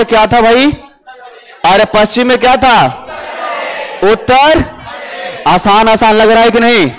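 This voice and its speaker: High-pitched teacher guy, slow and chatty, quizzing his class. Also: slight background noise, rough recording. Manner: animated, asks the class questions and answers them himself. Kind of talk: classroom lesson with memory tricks. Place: classroom with live students.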